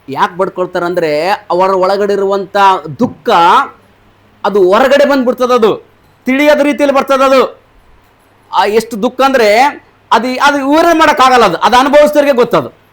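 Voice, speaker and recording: Pastor, really high voice for a guy, keeps asking the church questions and saying hallelujah. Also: animated, measured pace, long pauses. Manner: quizzes the congregation and repeats answers, call-and-response; punctuates points with hallelujah. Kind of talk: sermon. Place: church service.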